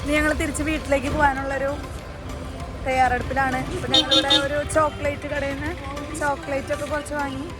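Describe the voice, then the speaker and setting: A woman's voice: high-pitched, flat delivery, fast talker, over loud music. A woman with a Malayali accent chatting casually as a travel vlogger, mixing English words into her Malayalam. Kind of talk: casual vlog chat.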